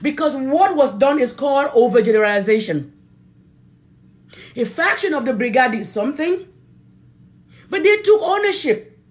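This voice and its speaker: Addressing viewers, a Cameroonian activist who speaks French natively, with a Cameroonian accent, gives an impassioned political speech. Her high, animated voice stays emphatic and deliberate as she repeats phrases for stress.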